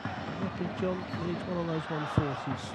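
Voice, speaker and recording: A man's voice: fairly high pitch, fairly even intonation, moderate pace. A man giving live darts commentary in a colloquial, explanatory way. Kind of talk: live sports commentary, conversational analysis. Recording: loud crowd and venue noise. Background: noisy darts crowd.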